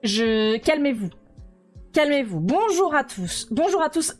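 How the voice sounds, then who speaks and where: A woman with a very high voice greets her live-stream chat, playful and full of exclamations. She pleads with her viewers in mock despair. Faint music plays behind her. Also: big pitch swings, a little slow.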